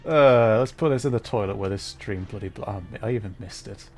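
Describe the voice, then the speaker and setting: With faint music behind him, a man hosting a casual gaming stream chats while troubleshooting, apologetic, flustered and self-mocking. His voice is on the low side, darkish in tone, and brisk.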